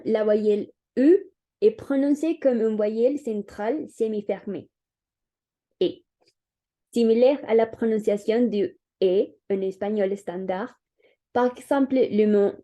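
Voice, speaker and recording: Slow, warm-voiced young woman presenting. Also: on the high side. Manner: hesitant, read-aloud delivery with fillers. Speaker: student presenter. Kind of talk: oral class presentation.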